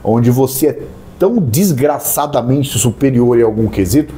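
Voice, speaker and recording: A man's voice: medium pitch, normal speed. A man co-hosting a podcast in casual chat, ranting and joking. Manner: ranting, animated, jokey. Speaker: podcast co-host.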